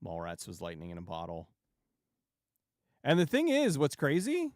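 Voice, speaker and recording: A man with a medium-pitched voice hosts a casual livestream, talking to his viewers. He rambles and halts, restarting sentences and wandering off on tangents. The sound is very dry, with no room echo. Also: wildly swooping pitch, normal speed, a little mellow. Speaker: YouTube livestream host.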